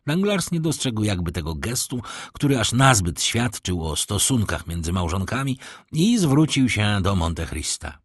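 A man narrating a classic novel in a steady audiobook reading. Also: fairly low pitch, a little slow, breathy edge, no echo, clean studio sound.

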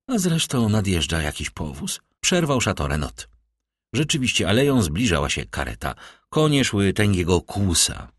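Deep-voiced man reading a classic novel. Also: a bit bright, dry recording, clean studio sound. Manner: voices characters by raising his pitch. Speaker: audiobook narrator. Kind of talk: scripted narration of a classic novel.

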